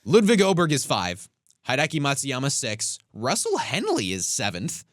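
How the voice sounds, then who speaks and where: A co-host of a casual sports chat reads a list of rankings the way an airline pilot gives an announcement. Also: male voice, mid-range voice, moderate pace, no echo, clean studio sound, voice pushed up. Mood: announcing. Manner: steady flat announcer reading of a list. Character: man reading stats like an airline pilot announcing. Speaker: golf podcast co-host.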